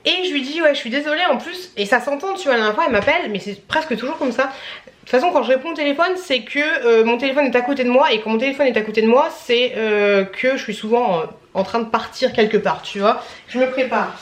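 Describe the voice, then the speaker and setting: Chatty woman vlogger, high voice. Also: fast, a little hiss or hum. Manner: chatty, rambling, acts out phone calls. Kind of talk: casual chat. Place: at home.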